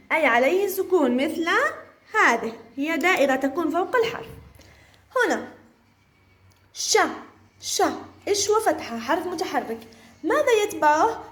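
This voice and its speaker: A woman teaching a first-grade phonics lesson, sounding out syllables slowly and playfully, with encouraging praise. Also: high voice. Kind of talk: early-reading phonics lesson.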